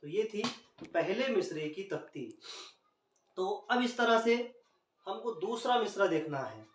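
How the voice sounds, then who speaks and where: Slow, high-voiced man teaching in an echoey room. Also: big pitch swings, recorded from a distance. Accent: Indian Urdu. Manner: slow, letter-by-letter spelling. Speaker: Urdu teacher. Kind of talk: spelled-out poetry scansion lesson. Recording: roomy echo, speaker off the mic.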